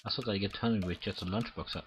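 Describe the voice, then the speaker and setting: Under heavy background noise, a let's play host reads a visual novel aloud in a fairly low, steady voice at a quick pace. He frequently stumbles and starts lines over. Game music comes through clearly behind his voice.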